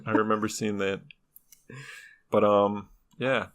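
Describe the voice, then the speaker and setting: A man's voice: on the low side, little pitch movement, takes it slowly. A man presenting the topic on a casual podcast, laid-back, laughing often and swearing casually.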